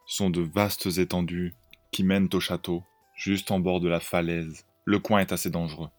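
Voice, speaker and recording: A man hosting a podcast, narrating an improvised story in a lively way. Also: low-pitched, moderate pace, soft background music.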